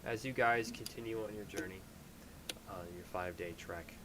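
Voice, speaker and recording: A man narrating a tabletop game as game master, improvising halting, descriptive storytelling addressed to the player. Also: fairly low pitch, background noise.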